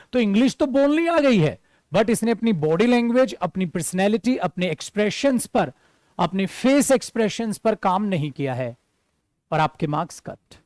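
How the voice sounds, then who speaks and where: A man's voice: sits high, a little mellow, no room sound, clean studio sound. A man, teaching spoken English to his students and acting out example sentences. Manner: addresses students as dear, acts out example sentences. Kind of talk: promotional class talk.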